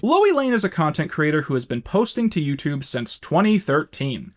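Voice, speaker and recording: A man's voice: fairly high pitch, sing-song, moderate pace, soft background music. A man hosting a commentary video essay, narrating with wry, sarcastic asides.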